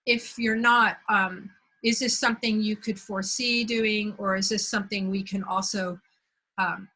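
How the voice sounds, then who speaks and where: A woman from Belgium hosting a conversation, telling a personal story in a reflective, unhurried way. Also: medium pitch, steady tone, bright, forceful tone, slightly rough, low-quality recording. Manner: reflective, unhurried, searching for words. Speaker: host.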